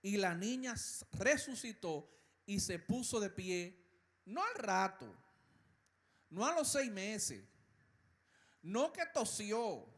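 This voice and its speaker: A male pastor with a Dominican accent preaching a sermon, slow and emphatic, with dramatic pauses and hushed, gentle passages. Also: high voice. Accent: Dominican Spanish.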